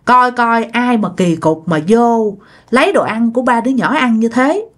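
A woman's voice: a little high, expressive, normal speed. A woman telling a ghost story in a chatty, casual way, speaking straight to her listeners. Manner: chatty, addresses listeners directly.

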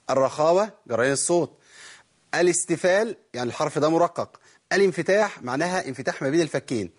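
Egyptian tajweed teacher, male, quick and husky, slightly high, quizzes himself aloud as he goes. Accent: Egyptian Arabic. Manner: explains by asking and answering his own questions, demonstrates sounds. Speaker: Quran recitation teacher. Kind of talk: tajweed lesson.

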